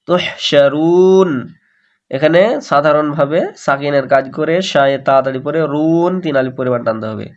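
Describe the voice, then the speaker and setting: A man teaching Quran recitation, slowly reciting verses and explaining pronunciation rules. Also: fairly high pitch, highs cut off. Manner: slow melodic Arabic recitation between explanations. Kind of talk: slow tajweed lesson, reciting verses then explaining.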